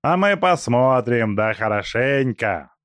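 A man reading an audiobook, voicing a brutal, mocking male robber chief in a loud, gruff, taunting voice. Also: medium pitch, lively intonation, takes it slowly, dry recording, pitched above the performer's own voice. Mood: gruff, brooding. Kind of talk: audiobook character voice.

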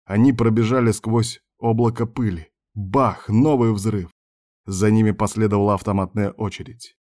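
Male narrator, low voice, steady vivid storytelling, scripted audiobook narration. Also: normal speed.

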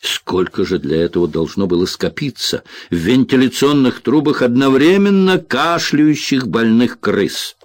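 A man narrating a thriller audiobook in an expressive, measured way. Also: mid-range voice, dry recording.

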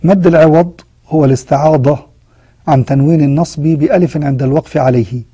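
A man with an Egyptian accent teaching Quran recitation rules, mixing formal Arabic with colloquial asides and chanting the verse examples slowly. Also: fairly high pitch, fairly even intonation, dark tone, husky, no echo. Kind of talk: tajweed lesson with recited examples.

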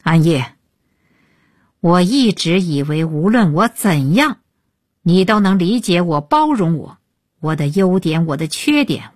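A woman's voice: on the low side, husky, no room sound, studio quality, full character voice. A woman reading as a sullen, defensive son. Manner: sullen, clipped.

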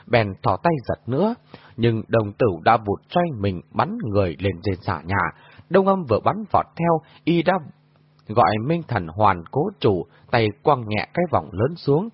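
A man narrating a dramatic martial-arts novel with animated storytelling. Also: medium pitch, breathy edge. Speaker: audiobook narrator. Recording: dull lo-fi audio.

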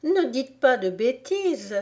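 A woman's voice: sits high, unhurried, darkish tone, voice pushed up. A woman voicing a curious young girl in a storybook, speaking with a raised, protesting tone. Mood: indignant.

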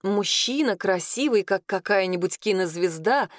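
A woman narrating a first-person audiobook with lively, expressive storytelling into a close mic. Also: mid-range voice, moderate pace, no echo.

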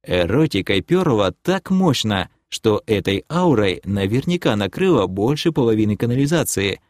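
A man reading a fantasy audiobook in lively, expressive first-person narration. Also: fairly low pitch, moderate pace, no echo, clean studio sound.

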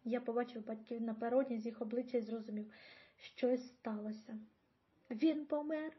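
A woman's voice: fairly high pitch, little pitch movement, a little fast. Woman reading an audiobook. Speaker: audiobook reader. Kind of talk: audiobook narration. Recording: dull lo-fi audio.

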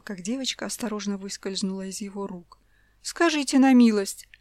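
A woman narrating a story in an even audiobook style. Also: mid-range voice, no room sound.

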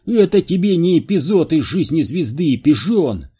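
Male reader plays eager, brash young man, raised pitch, dark husky tone. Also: big pitch swings, moderate pace, full character voice. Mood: excited. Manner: loud, eager and cocky.

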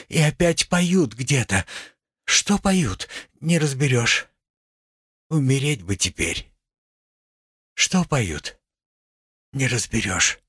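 Male reader doing a grieving young woman, husky, dry room. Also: medium pitch, a bit bright, dry recording, voice pushed up, heavily acted. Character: young woman, anguished, yearning for death.

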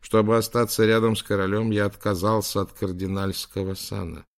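A man voicing a gentle, sorrowful elderly bishop in an audiobook, speaking softly and confidingly. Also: lowish voice, little pitch movement, a little fast, vocal fry, pitched above the performer's own voice. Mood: confessing.

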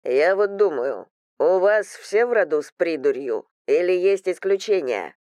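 A woman's voice: lowish voice, animated, warm tone, dry recording, studio quality. A woman doing a blunt, bossy rich man. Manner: curt, rude, slow and heavy.

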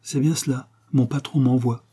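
A sly young swindler coaxes in a honeyed, wheedling murmur, dark-toned and husky, as a man reading the book puts him on. The voice stays low and close, sweet on the surface. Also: steady tone, moderate pace, natural voice. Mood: humble. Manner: wheedling, mock-humble.

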